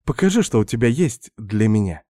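A man's voice: on the low side, very animated, brisk, warm tone, no room sound, studio quality. A man reading aloud and voicing a pushy young woman who teases and coaxes insistently in a raised voice. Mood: coaxing. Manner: teasing, insistent.

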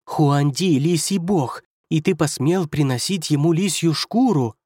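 A pompous celestial advisor who shrieks in high, strained outrage, voiced by a man. His lines jump well above the reader's usual pitch and get louder. The take is close and dry. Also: measured pace, dry recording. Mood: outraged. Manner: shrieking, indignant, sputtering. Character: shrill pompous male celestial first advisor. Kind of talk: audiobook character voice.

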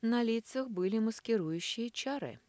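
A woman narrating a first-person fantasy audiobook in an expressive reading that moves between hushed and bright. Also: on the high side, moderate pace, dry recording.

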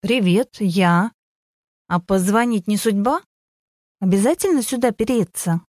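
A cool, dismissive young mother with a dry, sarcastic edge, as a woman reads her. Her delivery is unhurried and mellow, recorded close and dry. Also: mid-range voice, animated, no echo.

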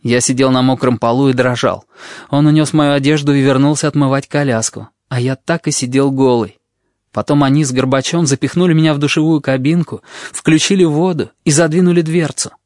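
A man narrating a novel in the first person, reading in a measured, quiet way. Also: medium pitch, steady tone, dry recording, clean studio sound. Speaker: audiobook narrator.

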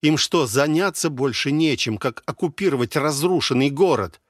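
A man's voice: a little high, moderate pace, dry recording, clean studio sound, natural voice. A man voicing a bewildered young male ranger who sounds puzzled and pleading.

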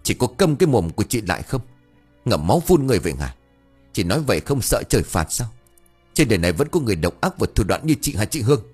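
A man voicing a young second wife who is calm but firm and answers back curtly. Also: lowish voice, fast, husky. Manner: sharp, curt comebacks. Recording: faint background music.

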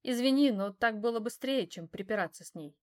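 A woman's voice: fairly high pitch, expressive, fairly quick, lightly acted. A woman doing a cool, mocking young wife. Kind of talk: audiobook character voice.

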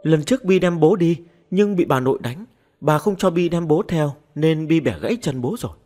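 A man voicing a sulky, clingy little ghost girl in a high, tearful childish voice. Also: animated, normal speed, mellow, faint music behind, natural voice.

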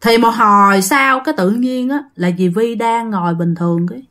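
A woman's voice: a little high, moderate pace, a bit bright. A woman telling a ghost story casually, emotional and talking straight to her listeners. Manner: emotional, addresses listeners directly.

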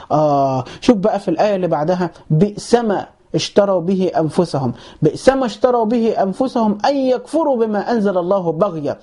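A man with an Egyptian accent giving a Quran commentary lesson, asking questions and answering them himself and reciting verses slowly before explaining them. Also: high-pitched, mellow. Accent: Egyptian Arabic. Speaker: Quran teacher.

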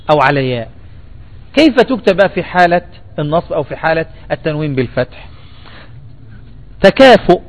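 A man with an Egyptian Arabic accent teaching a spelling lesson, asking the class questions and repeating their answers. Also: sits high.

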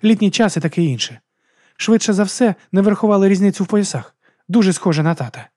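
A man voicing a hurt, furious young woman, in a high, tearful, shouting voice. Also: animated, quick pace, no echo, studio quality. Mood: nervous. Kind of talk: audiobook character voice.

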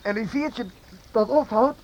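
An actor playing a sceptical, teasing but loyal boy adventurer in a Dutch audio drama, halting and repeating words when alarmed. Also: very high voice, highs cut off. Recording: noisy recording with rushing water.

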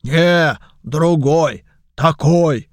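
A slow-witted orc servant, as a narrator puts him on, blurting short, loud phrases. He drags out every word at a plodding pace. The voice is close and dry. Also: a little high, no room sound. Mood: gruff.

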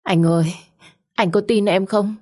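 A woman's voice: mid-range voice, steady tone, unhurried, dark tone, close to an everyday voice. A woman voicing a middle-aged stepmother who cries and pleads with reproachful accusations. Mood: pleading.

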